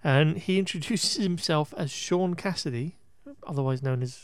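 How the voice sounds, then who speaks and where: A man with a slightly high, smooth voice at a moderate pace hosts a podcast and recaps a film. He rambles casually, sounding wry and exasperated, restarting himself and throwing in the odd swear word.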